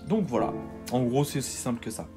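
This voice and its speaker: A man talks through a video game tutorial in a loose, unscripted voice-over, stopping often to restart his sentences and lean on fillers. His voice sits at an everyday middle pitch, and soft music plays faintly behind him. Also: big pitch swings, quick pace. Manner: hesitant, filler-heavy, repeats words; self-deprecating. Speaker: gaming tutorial host. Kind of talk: casual screen-capture tutorial voice-over.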